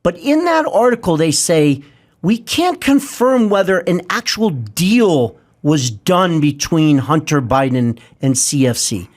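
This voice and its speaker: A man's voice: a little high, animated, unhurried. 50s guy guest on a podcast, intense and insistent, voice rises and falls a lot. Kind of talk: interview.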